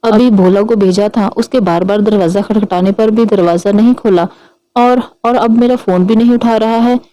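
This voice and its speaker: A doting old grandmother, fussing over her family with soft, affectionate teasing, as a woman reads her in a storybook. The voice sits mellow and warm, at an even middle pitch. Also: moderate pace, close to an everyday voice, poor audio. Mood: worried. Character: elderly loving grandmother, fond and fussing.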